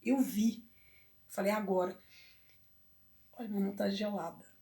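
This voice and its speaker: A woman telling a personal story to camera, emotional and halting with many restarts. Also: mid-range voice, creaky, dark tone. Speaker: vlogger. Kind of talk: personal confessional talk.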